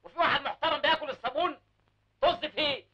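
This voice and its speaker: An actor with an Egyptian Arabic accent playing an indignant, proud man who scolds loudly in an old film comedy. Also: extremely high pitch. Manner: loud, rapid, indignant scolding. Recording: dull old film soundtrack with music.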